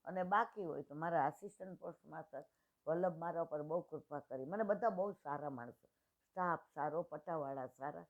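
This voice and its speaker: A woman's voice: low voice, a little fast. Woman in her sixties on a tinny line. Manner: retells dialogues in plain homely speech. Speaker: satsang speaker. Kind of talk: devotional storytelling talk.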